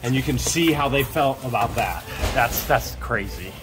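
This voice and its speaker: A man in his thirties hosting a vlog, talking excitedly and joking while he opens boxes in a metal storage unit, handheld camera nearby. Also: mid-range voice, normal speed, music in the background. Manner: eager, joking, talks while working with his hands. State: sweating. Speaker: vlog host. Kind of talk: excited casual chat while unboxing.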